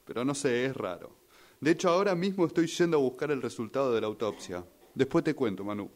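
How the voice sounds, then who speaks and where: This Argentine man, a radio drama workshop participant, acts out a rehearsed scene as a grieving son suspicious about how his father died. He talks fast and animatedly in a mid-range, slightly mellow voice close to his everyday one, hesitant, uneasy and repeating himself.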